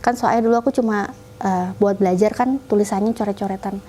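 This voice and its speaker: A woman guest casually telling a personal story in an interview, lively and acting out what her family said. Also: medium pitch, quick pace, slight background noise. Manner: animated, acts out family members' lines in quotes; talks while coughing.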